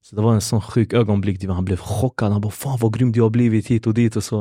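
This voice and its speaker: In a laid-back podcast studio conversation, a young Swedish MMA fighter acts out quoted dialogue as he tells his stories, peppering them with "du vet." His low, mellow voice has a breathy edge. The recording is dry and intimate, with no surrounding room.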